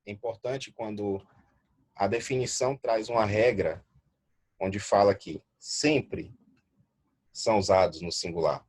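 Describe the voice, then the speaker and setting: A man teaching an English grammar lesson. His first language is Portuguese, and he reads English examples slowly, then translates and explains them patiently. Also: lowish voice, a little mellow, husky.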